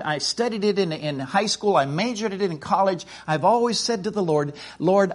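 A middle-aged American man with a high voice preaches a sermon in a folksy style, frequently repeating words and starting sentences over.

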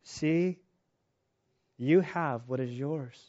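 A man's voice: mid-range voice, drawn-out words, darkish tone, highs cut off. A man preaching a sermon in a conversational way, mixing Scripture reading with stories and restarts. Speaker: pastor.

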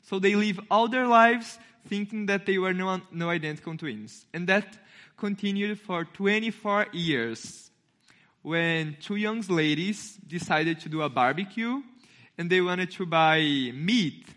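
A young Brazilian man in his twenties, an intern and youth speaker with a Brazilian Portuguese accent, preaches to a congregation in a friendly, storytelling sermon. His voice sits a little high, bright and forward, and unhurried, and he acts out the voices of the people in his story.

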